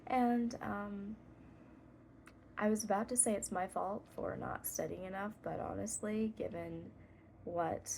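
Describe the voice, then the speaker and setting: A woman giving herself a casual, earnest pep talk, speaking in a halting, reflective, self-encouraging way. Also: medium pitch, fairly even intonation, gravelly, darkish tone, slight background noise. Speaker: student and parent vlogger.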